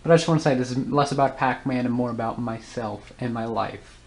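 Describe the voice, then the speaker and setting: A husky, mid-range male voice with vocal fry comes at a fairly quick pace from a gaming host talking casually and without a script over gameplay. He rambles, fills his thinking-aloud with fillers, and keeps stuttering, tripping over words and starting again.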